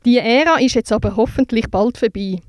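A woman's voice: on the high side, a little fast, a little mellow, dry recording, studio quality. A young woman presenting a scripted youth radio segment in an upbeat, read-aloud way.

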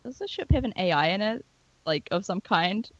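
A woman's voice: mid-range voice, expressive, normal speed, no echo, lo-fi sound. A woman co-hosting a podcast in casual chat, reacting with eager enthusiasm. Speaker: podcast co-host.

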